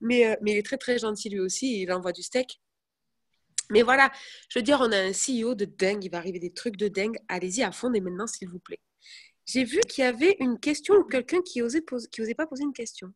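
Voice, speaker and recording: A young woman chatting casually to her viewers, telling animated stories. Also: fairly high pitch, fast talker. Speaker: network marketing presenter. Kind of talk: casual live chat.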